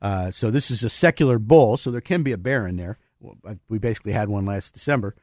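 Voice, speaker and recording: A man's voice: lowish voice, fast talker, a little mellow, no room sound, studio quality. A man hosting a financial talk radio show, rambling through market views with many fillers and restarts. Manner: explains market terms plainly.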